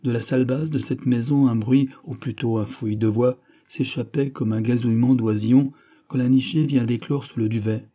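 A man reading a classic novel as an audiobook, in an even storytelling narration. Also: mid-range voice, moderate pace. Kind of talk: scripted narration.

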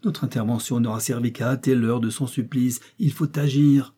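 A man's voice: medium pitch, fairly even intonation, moderate pace, dark tone, husky, close to an everyday voice. A man voicing a bold, impatient hunter who speaks urgently and eagerly.

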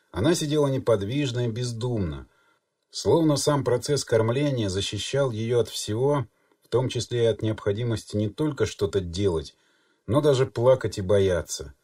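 A man reading an audiobook in measured, even storytelling narration. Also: medium pitch, dry recording, studio quality, distant mic. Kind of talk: scripted narration.

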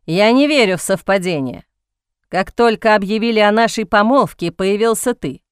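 Earnest young man voiced by a woman reader, clipped delivery, smooth voice, dry close audiobook recording. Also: medium pitch, expressive, a little slow, no echo, close to an everyday voice. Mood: angry. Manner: curt, clipped.

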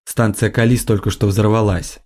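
A curt, controlled female starship commander speaks in short, clipped lines, voiced by a male audiobook reader. The voice sits low and dark, with little warmth in it. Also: flat delivery, moderate pace, lightly acted. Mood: cold.

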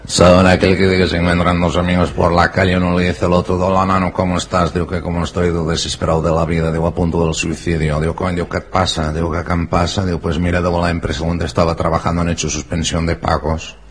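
A man with a Catalan accent telling jokes as a stand-up comedian, in a slow, dry deadpan. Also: sits low, a little hiss or hum. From Spain. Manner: slow, dry deadpan delivery with repeated "diu" and "digo".

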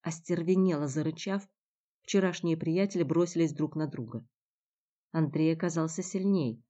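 A woman reading a novel aloud as audiobook narrator, in a steady, dramatic manner. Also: low voice, normal speed. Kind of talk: scripted narration. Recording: dull lo-fi recording.

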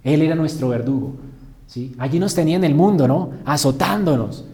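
A man preaching a sermon with passion, asking his listeners rhetorical questions, his voice swinging between quiet stretches and loud declarations. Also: on the high side, expressive, a little fast, a crowd in the background. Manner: impassioned, rising and falling dynamics, rhetorical questions. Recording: echoey room.

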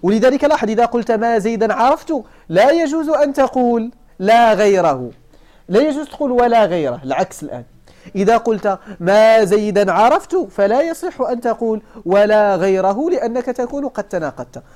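A man from Morocco with a Moroccan Arabic accent, a sheikh explaining a classical grammar and rhetoric text step by step, repeating examples slowly and asking his students questions back. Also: extremely high pitch, very animated, warm tone.

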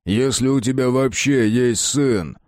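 A man voicing a burly, mocking security guard in an audiobook, with a slow sneering drawl. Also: mid-range voice, a little mellow, dry recording, clean studio sound, lightly acted.

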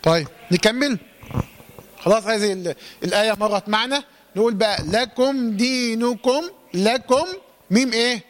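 High-voiced Egyptian man teaching recitation. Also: a bit bright. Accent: Egyptian Arabic. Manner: poses questions and answers them himself, drawing out recited words slowly. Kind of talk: classroom tajweed lesson.

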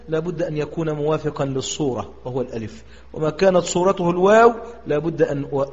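Egyptian teacher man, kinda high voice, quizzing students, echoey muffled audio. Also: darkish tone. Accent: Egyptian Arabic. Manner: quizzing students, drawing out example words slowly. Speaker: Quran recitation teacher. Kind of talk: live recitation lesson.

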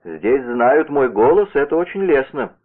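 A man's voice: medium pitch, sing-song, normal speed, narrow, tinny audio, pitched above the performer's own voice. A man reading the lines of a bold, impatient Gascon musketeer in a brusque, self-assured way.

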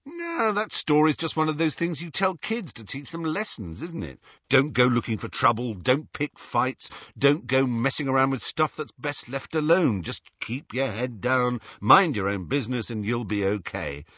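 A man's voice: mid-range voice, lively intonation, normal speed, few pauses, fairly bright tone, no room sound. A man reading an audiobook, voicing a blunt, cheeky teenage boy who mocks and argues. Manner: blunt, mocking. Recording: dull, dry audiobook recording.

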